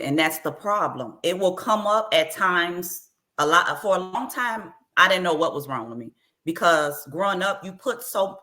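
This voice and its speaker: A woman author talks candidly in an interview. Her voice sits low yet comes across bright and forceful. She speaks with open earnestness, often circling back over short repeated phrases.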